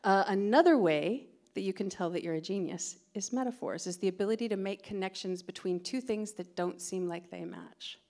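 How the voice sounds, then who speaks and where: On a theatre stage before a live audience, a middle-aged stand-up comedian from California performs her set into a stand microphone. Her manner is chatty, giggly and self-deprecating, with a mid-range pitch for a woman, a slightly mellow tone, a moderate pace and few pauses.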